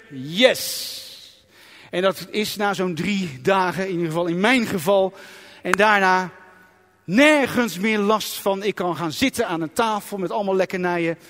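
Emphatic high-voiced preacher in an echoing hall. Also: male voice. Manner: emphatic, dramatic, acts out inner voices. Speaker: pastor. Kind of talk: sermon. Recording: long reverb of a church hall.

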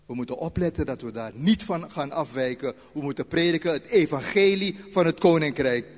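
A retired man in his sixties preaching a sermon, dropping to quiet asides and slowing down when he reads scripture. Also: fairly high pitch, big-room sound. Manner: varies loudness widely, slows for scripture.

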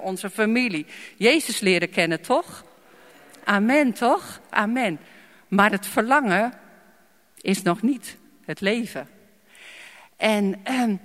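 A woman preaching a sermon and telling her own testimony, emphatic, repeating phrases and asking the audience to respond. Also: medium pitch. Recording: long hall reverb.

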